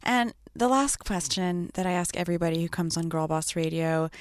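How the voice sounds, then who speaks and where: A woman hosting a podcast, musing on the guest's points and then reading a brisk sign-off. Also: fairly low pitch. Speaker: podcast host. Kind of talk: podcast interview and outro.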